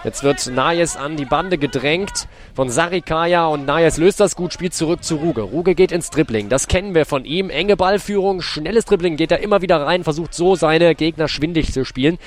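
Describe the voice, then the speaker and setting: A man's voice: fairly high pitch, moderate pace. A man giving live play-by-play football commentary, describing the action in detail in short clipped phrases. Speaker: sports commentator.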